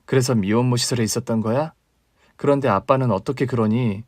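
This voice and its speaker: A man voicing a caring older sister in a radio drama reading, calm and consoling in a low, quiet tone. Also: fairly quick, dry recording, close to an everyday voice. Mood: concerned. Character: young woman, steady caring older sister.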